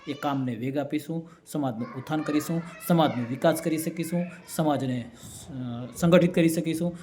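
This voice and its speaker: A man's voice: on the high side, warm tone, slight background noise. A man giving a motivational speech to a community gathering, telling a folk parable and often checking with the crowd. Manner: storytelling, keeps asking the crowd "right?". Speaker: community speaker.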